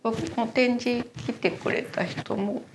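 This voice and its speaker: A woman's voice: a little high, steady tone, slow, a little hiss or hum. A woman guest in a casual interview, explaining her exhibition work in a thoughtful, hesitant way.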